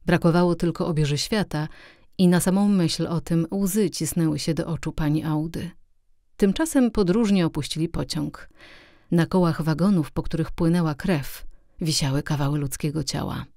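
A woman narrating a classic novel as an audiobook, expressive and steady, on a close mic. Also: low voice, normal speed, no echo. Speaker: audiobook reader.

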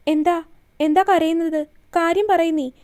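Woman voicing a young man, playful, teasing, affectionate lover, very high light voice, storybook reading. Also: steady tone, a little slow, a little mellow.

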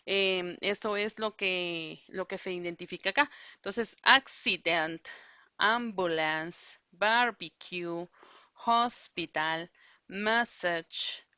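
Slow-paced, bright-voiced woman teacher. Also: mid-range voice, dry recording. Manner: explains in Spanish, models English words slowly and repeats them. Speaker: English teacher. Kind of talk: online class walkthrough.

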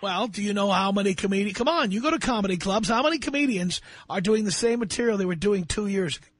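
A man hosts a call-in radio show and hands out blunt career advice in an emphatic, lecturing way. His voice sits high for a man and has a husky edge. The sound is close and dry, with no room around it. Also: animated, quick pace, dry recording. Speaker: radio talk show host.

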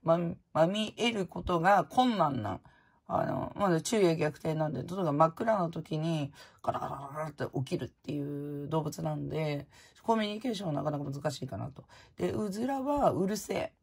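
Woman vlogger, low husky voice, rambling frank casual chat. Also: lively intonation, moderate pace. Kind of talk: casual chat while opening prizes.

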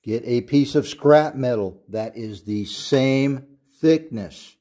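A man in his thirties walks through a welding lesson at an unhurried pace, each step spelled out carefully. His voice sits at an ordinary middle pitch. He sounds like he is recording in his own auto shop on a camera mic. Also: mellow. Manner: slow, deliberate, instructive. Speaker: welding instructor. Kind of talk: step-by-step tutorial narration.

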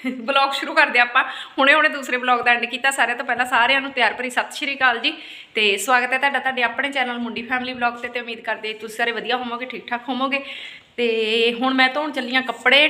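Bright and forceful, with a voice on the high side, this middle-aged Punjabi-accented Indian woman hosts a family vlog in a casual, chatty way. She keeps adding little check-in tag words, and the room echoes with faint background noise.

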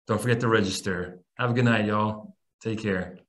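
A thirtysomething man with an American accent runs a teacher webinar by video call from a small room, training English teachers in a relaxed, supportive manner and addressing everyone as "guys." He speaks in a lowish voice with fairly even intonation, normal speed, and a fairly bright tone.

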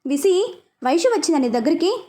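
A stern middle-aged mother in a storybook, as a woman puts her on, scolding sharply in a high voice. She sounds strict and fed up. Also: sing-song, fairly quick, dark tone. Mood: worried.

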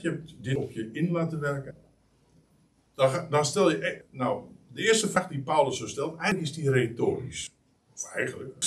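Lively preaching man, heard from afar. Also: mid-range voice, distant mic, a little hiss or hum. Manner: lively, emphatic preaching with many hesitations. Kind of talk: sermon. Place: church meeting hall.

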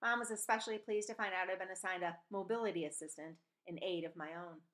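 Low-ish and fast, this woman's voice carries an expressive read-aloud of a novel. She's in her forties, recording at home in a small room through a desk-distance computer webcam mic, and her lively delivery includes a few stumbles and self-corrections.

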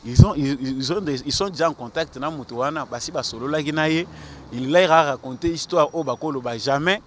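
A Congolese-accented man in his thirties, from the DRC, fields questions from a street interviewer, talking fairly quickly in a higher voice and mixing Lingala with French. Earnest and argumentative, he repeats and stammers over words and gestures as he speaks. The handheld mic held out to him on the busy city square picks up faint traffic and outdoor street sounds.

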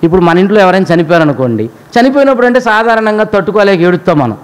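A man's voice: sits high, very animated, very fast, clear, resonant tone, poor audio. A man preaching a sermon, addressing the congregation with frequent rhetorical questions. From India.

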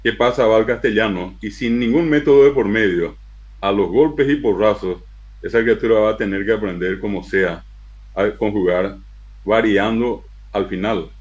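A man giving a university lecture on language, spelling out syllables slowly and with emphasis. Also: lowish voice, dull audio. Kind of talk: lecture to an auditorium.

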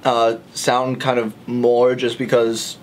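A man's voice: medium pitch, completely flat delivery, takes it slowly, slight background noise. A man in a studio casually giving his thoughtful take on microphones. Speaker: audio engineer friend. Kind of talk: casual chat. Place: studio room.

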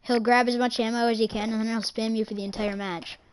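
A woman's voice: on the high side, level tone, fast talker, slight background noise. A young woman chatting casually while gaming, matter-of-fact and teasing. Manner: matter-of-fact, complains, teases.

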